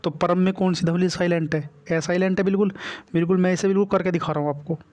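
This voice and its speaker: A man's voice: high-pitched, fairly even intonation, fast talker, a little mellow. A man with a Hindi accent teaching a grammar lesson for exam preparation, repeating each step and checking in with the class. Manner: repetitive, checks in with "ठीक है" constantly. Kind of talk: whiteboard exam-prep lesson.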